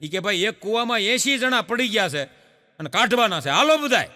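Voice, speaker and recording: A stand-up joke teller with a high-pitched voice delivers folk jokes a little fast, his sound carrying the echo of a big room. He performs with lively energy, voicing each of the people in his stories.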